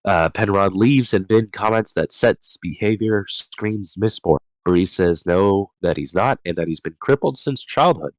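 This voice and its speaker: A man's voice: deep voice, a little slow, few pauses, no room sound, poor audio. A man hosting a casual book discussion, reading chapter summaries from his notes and often stumbling and correcting himself.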